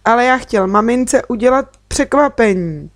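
A woman's voice: fairly high pitch, lively intonation, no echo, clean studio sound, voice pushed up, close to an everyday voice. A woman reading a storybook, voicing an anxious, tearful little boy who talks in sobs. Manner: sobbing, pleading.

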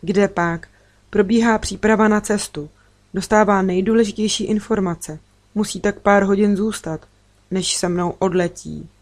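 Alien girl, calm and kind, serious and gentle, as a woman reader puts her on. Storybook. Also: mid-range voice, lightly acted. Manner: serious, gentle, matter-of-fact.

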